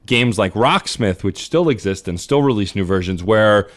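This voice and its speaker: A man co-hosting a podcast in casual chat, chatty, with rapid asides. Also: fairly low pitch, expressive. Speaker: podcast co-host.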